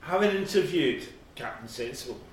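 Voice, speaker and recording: A man's voice: fairly high pitch, expressive, normal speed. A middle-aged man co-hosting a podcast in natural, unscripted, rambling casual chat about music. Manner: rambling, conversational. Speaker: podcast co-host. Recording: very echoey room, distant mic, faint noise.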